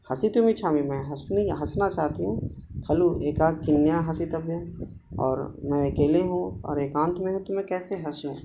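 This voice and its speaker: Male teacher, dark mellow voice, recites Sanskrit and explains it in Hindi, slight background hiss. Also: on the high side, creaky. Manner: reads Sanskrit lines, then explains them in plain Hindi with many restarts. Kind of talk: explaining a Sanskrit play line by line.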